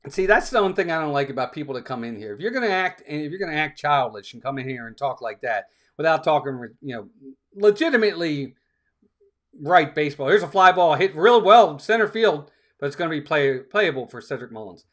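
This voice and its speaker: A man's voice: fairly high pitch, expressive, fairly quick. A man hosting a fan stream, calling play-by-play and answering viewers' chat directly, often repeating himself for emphasis. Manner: talks straight to viewers, scolds trolls, repeats himself for emphasis. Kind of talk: live play-by-play commentary mixed with replies to chat.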